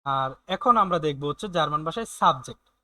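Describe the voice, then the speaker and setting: High bright-voiced man teaching a class. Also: expressive, no echo. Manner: explains slowly with many fillers, checks in with students. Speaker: German language teacher. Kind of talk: online class lecture.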